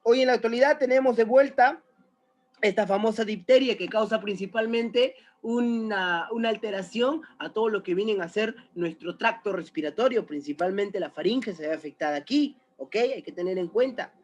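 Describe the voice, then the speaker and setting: A man's voice: sits high, normal speed, muffled recording. A man teaching a recorded biology lesson, chatty and often checking in with the student. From Peru.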